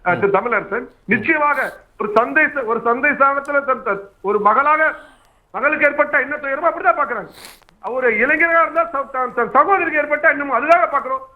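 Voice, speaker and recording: High-voiced man on a phone line. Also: brisk. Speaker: political debate panelist. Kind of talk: formal debate statement.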